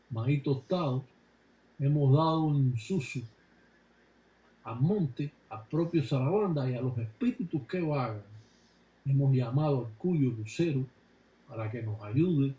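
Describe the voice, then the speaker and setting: A man calmly explaining religious rituals in a measured, instructive way. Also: medium pitch. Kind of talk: explanatory narration. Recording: echoey room with background noise.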